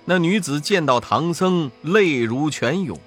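A man narrating a classic storybook tale with expressive rises and falls. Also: a little high, a little slow, breathy edge, faint music behind. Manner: expressive, rising and falling for effect.

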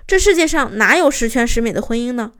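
A woman's voice: a little high, expressive, quick pace, fairly bright tone. A young woman, a host's assistant, narrating relationship advice and telling a client's story, acting out quoted arguments with rising emphasis.

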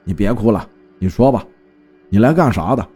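A man voicing an elderly village landlord who questions firmly and with calm experience. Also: fairly low pitch, moderate pace, husky, faint music behind. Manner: firm, commanding questions.

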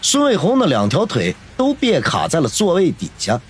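A man narrating a novel in a dramatic, expressive storytelling voice. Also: fairly high pitch, moderate pace, slightly rough. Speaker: audiobook narrator.

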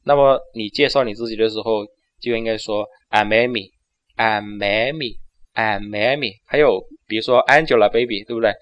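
A man whose first language is Chinese, teaching English pronunciation and slowing down to repeat phrases for learners. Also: lowish voice, dull audio. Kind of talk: pronunciation lesson.

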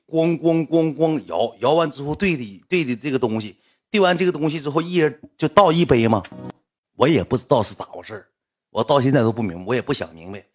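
A man in his twenties with a Northeastern Chinese accent, telling a personal story in a casual, animated way, often dropping to a hushed voice to quote others. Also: medium pitch, slightly rough. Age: 20s.

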